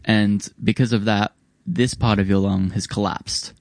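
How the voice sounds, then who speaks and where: Casual young male guest, broad Kiwi accent, lowish voice, close dry sound, rambling and slangy. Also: fairly even intonation, unhurried, darkish tone, no room sound. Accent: broad New Zealand. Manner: laid-back, slangy, rambling. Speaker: musician guest on a music show. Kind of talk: casual chat.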